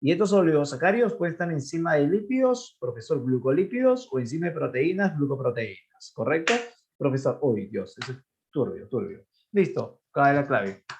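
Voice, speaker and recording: A biology teacher talks through his class with bounce and energy, tossing questions out and answering them himself. His voice sits a little high for a man. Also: fairly quick, muffled recording. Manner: animated, asks and answers his own questions, voicing students. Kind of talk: online class lecture.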